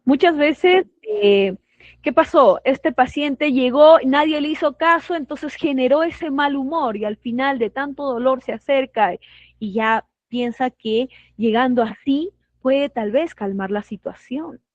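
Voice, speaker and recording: A woman with a Peruvian Spanish accent teaches a nursing class, asking the students questions and praising their answers. Her voice sits high. The sound is dull and dry, as if from a plain close microphone. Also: no echo. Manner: acts out patients and staff in quick put-on voices; asks the class questions and affirms their comments. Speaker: nursing instructor. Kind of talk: online class lecture.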